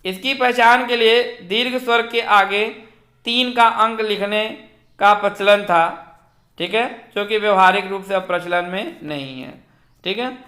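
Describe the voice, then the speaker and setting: A man teaching a Hindi grammar lecture for exam preparation, slowly reciting and drawing out vowels, with frequent fillers as he checks that students follow. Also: high voice, bright, forceful tone, echoey room. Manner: slow, repetitive, fills with "ठीक है" and "जो है"; draws out vowels when reciting them.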